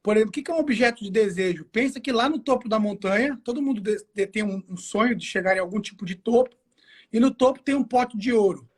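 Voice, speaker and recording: A man's voice: high voice, quick pace, slightly rough. Casting: male Brazilian guest expert, informal and slangy, explains through self-answered questions. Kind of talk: casual explanatory chat. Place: home garage.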